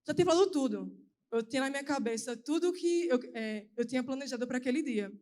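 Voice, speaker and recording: At a youth service, a young adult woman preaches, offering an earnest and emotional personal testimony. Her delivery is quick and anxious, and her high-pitched voice is expressive with a somewhat dark tone.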